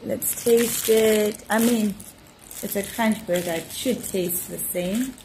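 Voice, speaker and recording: Young woman, Southern African accent, mid pitch, casual chatty vlogger, handheld phone in a room, faint background noise. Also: slow pace. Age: young adult. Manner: chatty, informal. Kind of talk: casual vlog chat, mixing in Bantu-language words. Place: small hotel room, indoors. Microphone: phone at arm's length. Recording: noisy handheld phone recording.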